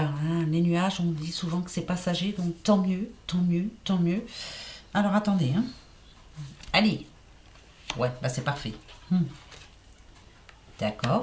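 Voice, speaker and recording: A woman's voice: mid-range voice, a little mellow. Chatty woman reading oracle cards. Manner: chatty, repeats herself, fillers like hein and voilà. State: lisping slightly. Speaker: oracle card reader. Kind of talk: casual card-reading guidance.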